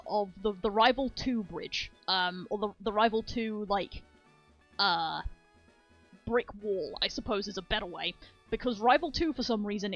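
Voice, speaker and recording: A woman's voice: medium pitch, a bit bright, dull audio. A woman streamer chatting casually and rambling enthusiastically about speedrun details, swearing freely. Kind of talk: casual game-stream chat.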